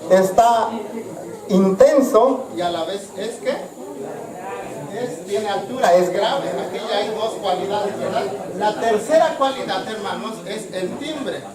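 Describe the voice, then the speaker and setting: A man teaching music to a church congregation, halting and filler-heavy, calling his listeners brothers and sisters. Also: high voice, a loud crowd. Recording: roomy sound from a distance, with music.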